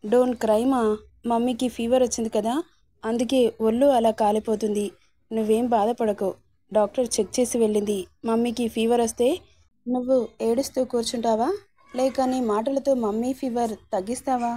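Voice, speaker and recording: A woman voicing a gentle young husband and father in a read-aloud story, speaking in a soft, coaxing, reassuring way. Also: fairly high pitch, flat delivery, normal speed, natural voice. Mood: tender.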